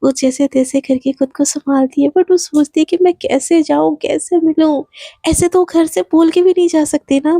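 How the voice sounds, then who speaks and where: Woman storyteller, casual and chatty, high pitch, dark mellow tone. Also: gravelly, no room sound. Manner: chatty, heavy use of filler "na".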